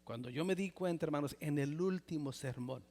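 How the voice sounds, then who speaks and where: A Mexican man in his sixties preaching a personal testimony sermon in a church, with a Mexican Spanish accent, swinging from loud exclamations to near whispers. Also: a little high, normal speed. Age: 60s. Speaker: pastor. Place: church sanctuary. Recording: reverberant church hall.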